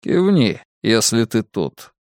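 A man voicing a calm, menacing masked torturer who taunts his captive in a slow, drawn-out way, in an audiobook. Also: fairly low pitch, no echo, clean studio sound, heavily acted. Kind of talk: audiobook character reading.

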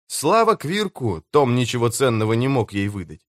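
Мужчина-чтец ровно и размеренно читает приключенческую аудиокнигу. Голос средней высоты, запись сухая, без эха комнаты. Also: male voice, mid-range voice, very animated, normal speed, no room sound, clean studio sound. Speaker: audiobook narrator. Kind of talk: scripted narration.

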